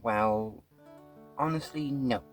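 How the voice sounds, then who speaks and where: A woman's voice: very deep voice, slow, loud music behind the voice. Chatty woman hosting a reaction video. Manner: frank, chatty, with filler words and restarts. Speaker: host. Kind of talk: casual reaction commentary.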